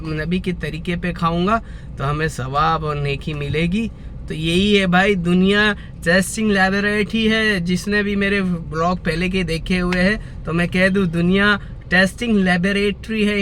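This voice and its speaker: A man vlogging slowly and earnestly about faith, repeating his points and reciting devotional verse, with a lingering cough that keeps breaking in. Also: high voice, a bit bright, a little hiss or hum. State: lingering cough, clears throat often. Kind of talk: slow reflective religious talk to camera.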